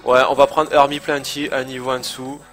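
A man's voice: mid-range voice, level tone, brisk, a bit bright, soft background music. Chatty, self-mocking male game streamer. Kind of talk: casual live gameplay commentary. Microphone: desk microphone, speakers playing game sound.

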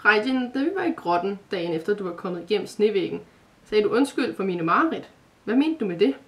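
A woman's voice: medium pitch, expressive, far from the mic, lightly acted. A woman voicing a curious young girl in a storybook reading, asking question after question. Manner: inquisitive, questioning.

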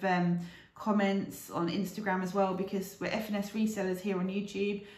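A woman's voice: lowish voice, darkish tone, roomy sound. A British woman in her thirties, chatting casually to camera in a rambling, aside-filled way as a reseller vlogger. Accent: British English.

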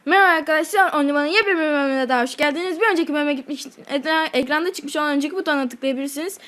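A high-pitched woman talks over her own gameplay as a channel host. She comments loosely on the action and snaps curses at the enemies on screen. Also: very fast, a bit bright, a little hiss or hum. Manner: heated, swears at enemies while playing.

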